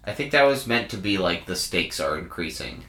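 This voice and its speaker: Deep, bright-toned man in an echoey room. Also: big pitch swings, moderate pace. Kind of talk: casual chat reviewing a show.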